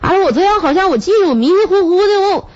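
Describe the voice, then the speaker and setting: A woman's voice: very high voice, lively intonation, racing, darkish tone. A woman radio host with a Northeastern Chinese accent and a stuffy nose from a cold, chatting in a teasing, comic monologue and laughing often. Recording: muffled radio broadcast recording.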